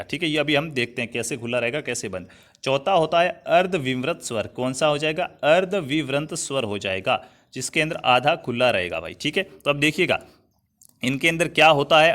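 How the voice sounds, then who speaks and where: Hindi teacher with a fairly high voice. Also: male voice, fairly bright tone. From Rajasthan, India. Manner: repetitive, checks in with "thik hai" often; addresses students as "saathiyon" and "bhai". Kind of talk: online classroom lesson. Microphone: writing on a digital board while talking.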